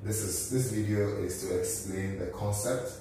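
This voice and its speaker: Step by step, a finance educator in his thirties explains the figures on a whiteboard in a small office room, keeping the lesson methodical. His fairly low, fairly even voice moves at a moderate pace. The camera sits at a distance, so he sounds off-mic in an echoey space with a faint hum.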